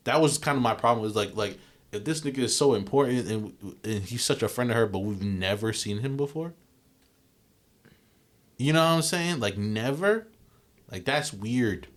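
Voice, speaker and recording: Young male podcast co-host, very low voice, loose rambling delivery full of "like" and "um". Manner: rambling, filler-heavy, lots of restarts. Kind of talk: casual chat.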